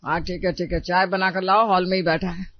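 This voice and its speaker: A woman doing a gruff stingy old father-in-law. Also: on the low side, level tone, brisk, a little hiss or hum, lightly acted. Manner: gruff, dismissive. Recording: dull lo-fi recording.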